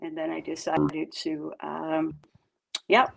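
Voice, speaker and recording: A woman's voice: low-pitched, completely flat delivery, slow pace, creaky, rough recording. A woman in her seventies from New York State, a guest chatting casually in an interview about her working life, talking in a rambling, hesitant way with lots of fillers. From New York State, USA. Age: 70s. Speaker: guest, crypto project co-creator.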